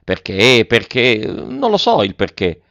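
A man's voice: medium pitch, huge pitch swings, slow, vocal fry, fairly bright tone, no echo, highs cut off, full character voice. A man reading aloud and voicing an awkward, modest young man who speaks hesitantly. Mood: bashful. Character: bashful young man, awkward and tongue-tied.

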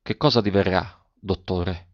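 Male reader doing a low, hushed grieving young man, anxious; dull dry recording. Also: steady tone, measured pace, no echo.

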